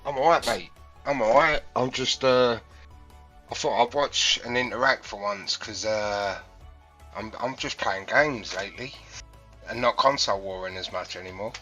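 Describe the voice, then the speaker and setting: A man's voice: lowish voice, normal speed, pushed and bright, soft background music. A man calling into a livestream over a cheap, tinny microphone that sounds like a tin can, chatting casually and rambling with restarts and fillers. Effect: tinny cheap mic, like talking into a tin can, over a voice call. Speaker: livestream guest caller. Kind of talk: casual chat about video games.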